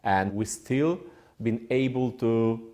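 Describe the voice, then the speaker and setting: A man with a Polish accent giving formal interview answers in a deliberate, diplomatic way with hesitant phrasing. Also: mid-range voice, darkish tone. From Poland. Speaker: ambassador, interview guest.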